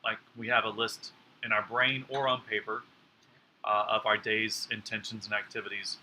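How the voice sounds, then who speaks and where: A chatty man co-hosts a kitchen talk show, teasing himself as he goes. His voice is very bright and forward, with a faint hiss behind it. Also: on the low side, little pitch movement, moderate pace, rough recording. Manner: chatty, self-deprecating, playful. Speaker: cooking show co-host. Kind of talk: casual chat. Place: home kitchen.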